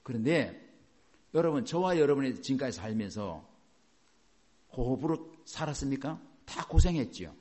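Animated male preacher. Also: medium pitch, moderate pace, long pauses. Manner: animated, rhetorical questions, chuckles while preaching. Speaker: pastor. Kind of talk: sermon.

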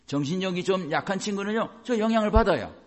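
A man's voice: high-pitched, expressive, quick pace. A male pastor giving a sermon, often asking the congregation rhetorical questions and acting out short dialogues in different voices. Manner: acts out little dialogues in changing voices.

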